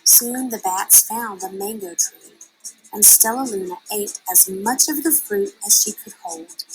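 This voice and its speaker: Female storybook narrator: unhurried, higher pitch, expressive, faint music. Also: low-quality recording. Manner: deliberate, expressive. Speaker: storybook reader. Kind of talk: scripted children's read-aloud narration.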